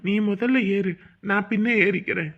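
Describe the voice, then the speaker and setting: A man's voice: sits high, moderate pace, creaky, lo-fi sound. A man playing a fretful brother and husband in a comedy sketch, muttering asides and crying out in alarm.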